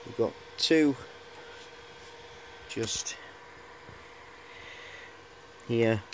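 Speaking very slowly in a medium-pitched voice, a man in his forties gives a hands-on show-and-tell of his high-voltage gear. He rambles in a hesitant, friendly way inside a cluttered workshop, recorded by a handheld camera at arm's length with clear background noise.

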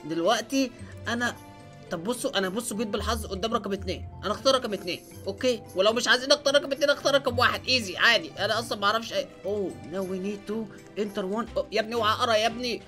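A young man with an Egyptian Arabic accent hosting an excited let's-play commentary, dropping English exclamations as he plays. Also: high voice, rapid-fire. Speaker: gaming channel host. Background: faint background music.

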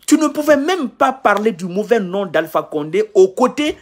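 This high, sing-song voice belongs to a political commentator from Guinea, a man in his thirties, talking at normal speed. Seated on a sofa in a small room, he holds his phone at arm's length for a selfie live video, ranting heatedly and hammering the same points as he lectures.

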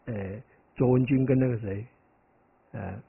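A Buddhist monk with a husky, medium-pitched voice and some vocal fry gives a conversational dharma lecture at a slightly slow pace. He often asks listeners "right?" and drifts into stories, animated and digressive. The audio is tinny and lo-fi, like a phone.

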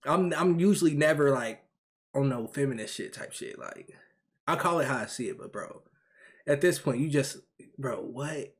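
A young man giving loud, incredulous reaction commentary over a video, repeating himself and calling people "bro". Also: medium pitch, normal speed. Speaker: reaction streamer.

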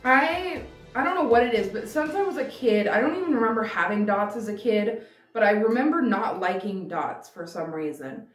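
Her voice is fairly high and expressive, moving at a moderate pace, as this twenty-something vlog host does a candy taste test. She chats casually to camera, hesitant and rambling, leaning on "like" as filler. The setting is a decorated indoor room; the camera mic a few feet away gives a distant, roomy sound, and music runs underneath.

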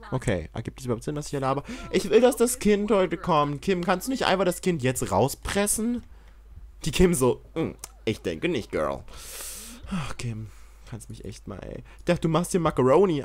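A young man commentating a life-sim game he is playing, excitable and swearing, often yelling in mock outrage. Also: medium pitch, dry recording. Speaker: gaming YouTuber. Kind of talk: Let's Play commentary.

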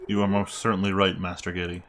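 A man reading out a video game's grave, courteous former pirate in a measured, formal way. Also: low voice, monotone, a bit bright. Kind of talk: reading game dialogue aloud. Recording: clear background noise.

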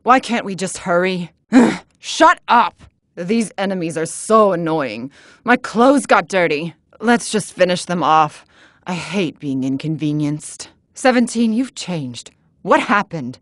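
A woman's voice: fairly low pitch, expressive, slow pace, no room sound, studio quality. An actress playing a cool, scornful young female android fighter in an anime fighting game, curt and taunting. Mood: bored disdain. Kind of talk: English-dubbed anime fighting game voice clips.

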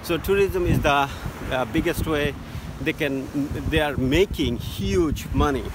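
A travel vlogger from Bangladesh gives casual tips to camera on a sunny beach by the sea, his voice a little high. He speaks haltingly, with many fillers and restarts, and loud wind noise hits the phone mic.

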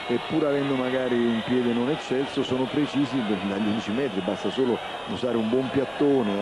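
A middle-aged man giving analytical football commentary as a co-commentator, in a reflective, conversational, explanatory way. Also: mid-range voice. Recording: clear outdoor stadium noise.

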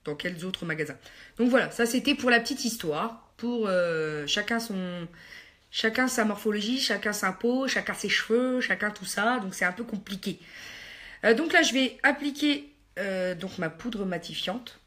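A woman's voice: medium pitch, expressive, moderate pace, a bit bright. Chatty woman doing a makeup vlog. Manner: chatty, hesitant with many fillers, self-mocking asides to viewers. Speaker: beauty vlogger. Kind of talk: casual get-ready-with-me makeup chat.

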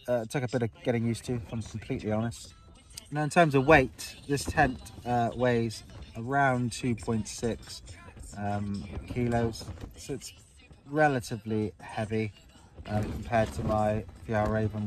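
A man's voice: fairly low pitch, darkish tone, slight background noise. A man in his forties chatting to a close-held phone camera from inside a small tent on open moorland, rambling and upbeat with lots of ums. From England. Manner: rambling, filler-heavy, upbeat. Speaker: wild camping vlogger. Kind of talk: casual vlog talk to camera.

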